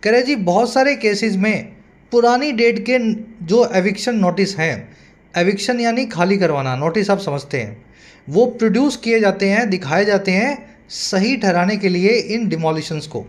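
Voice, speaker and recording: A man tutoring English, reading newspaper lines slowly and explaining them at length, often asking his students rhetorical questions. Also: high voice, animated.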